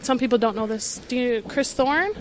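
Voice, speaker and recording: A woman's voice: a little high, moderate pace. A young woman, a pro wrestler being interviewed, answering casually and laughing often. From Canada.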